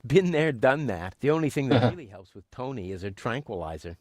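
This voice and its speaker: Rufus, a wildly animated cocky schemer. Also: male voice, medium pitch, brisk. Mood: dry. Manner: smug, theatrical, swooping delivery. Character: cocky, reckless young male schemer, self-satisfied inventor. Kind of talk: cartoon adventure game voice acting. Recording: music behind the voice.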